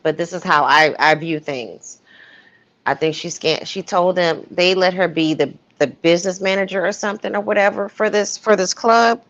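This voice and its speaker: Over muffled, lo-fi livestream audio, this woman co-hosting the call offers casual gossip commentary that's opinionated and emphatic. She speaks at normal speed in a lowish, slightly bright voice.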